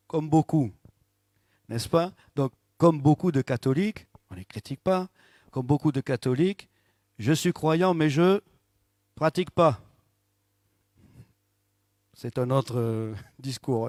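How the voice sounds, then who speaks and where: A male pastor giving a testimony at a church service, speaking lively into a handheld mic, joking and often turning to the congregation with "n'est-ce pas?". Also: on the high side, no echo, studio quality. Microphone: handheld microphone.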